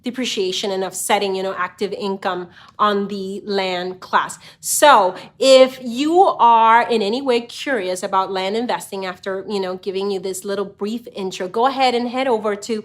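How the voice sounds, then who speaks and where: A woman's voice: medium pitch, normal speed, few pauses. A middle-aged woman from Honduras talking casually to camera as a channel host, loose and conversational, with many filler words. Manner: conversational, frequent "you know" fillers. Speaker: real estate investor and channel host. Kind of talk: casual direct-to-camera talk.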